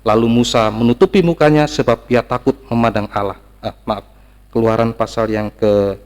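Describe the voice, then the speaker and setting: Male preacher, emphatic repetitive sermon delivery, medium pitch. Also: steady tone, normal speed, a little mellow, big-room sound. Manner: emphatic, repetitive, rising to stressed peaks.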